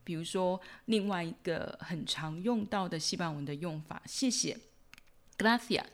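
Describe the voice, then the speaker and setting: A woman hosting a podcast language lesson, patiently repeating each sound slowly so listeners can follow. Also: on the low side. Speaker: Spanish teacher and podcast host.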